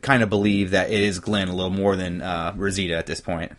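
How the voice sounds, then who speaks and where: A man's voice: low-pitched, steady tone, brisk. A man hosting a casual podcast, talking in a loose, rambling way with frequent restarts and casual swearing, on a desktop mic. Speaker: podcast host. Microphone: desktop USB mic.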